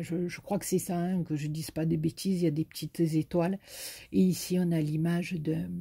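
Warm, husky southern French woman. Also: low voice. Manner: chatty and effusive, with many fillers. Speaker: YouTuber showing greeting cards. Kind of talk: casual chat to camera.

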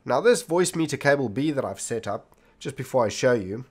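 An animated man with a mid-range, darkish voice and a breathy edge talks a little fast as he leads a tech tutorial, instructing viewers directly step by step. He demonstrates on his desktop computer indoors, with its microphone recording the scripted-feeling narration.

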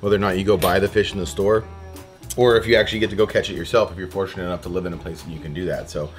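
Fast-talking young man with chatty, rambling delivery. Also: deep voice, steady tone, soft background music. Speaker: fishing vlogger. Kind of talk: casual cooking vlog. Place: houseboat kitchen.

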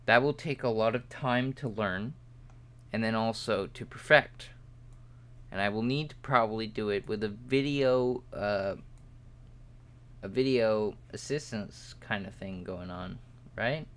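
A young man streaming live, rambling and joking at himself as he talks to his viewers while he models in 3D. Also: a little slow. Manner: yawning, low-key late evening.

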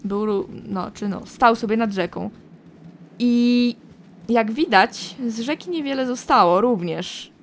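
A woman's voice: fairly high pitch, slow, slight background noise. A woman hosting a let's play, giving casual, musing commentary and often correcting herself. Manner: chatty, musing, self-correcting.

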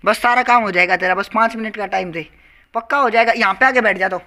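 Bright, coaxing young man vlogging. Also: sits high, fast. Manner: pleading, coaxing, repeats apologies. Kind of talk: casual vlog chat.

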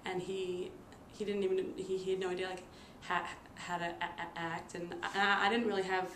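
This young woman in her 20s, a nursing student in stuttering therapy, tells a casual personal story to the camera. Her voice is lowish, flat and fairly bright, with a pronounced stutter of repeated sounds and blocks, halting speech and frequent fillers. The recording is roomy and echoey, with noticeable background noise.

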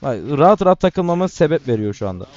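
A man giving casual, excitable commentary while playing a mobile game, talking to his teammates and to viewers. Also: on the high side, fast, dull audio. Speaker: gaming YouTuber.

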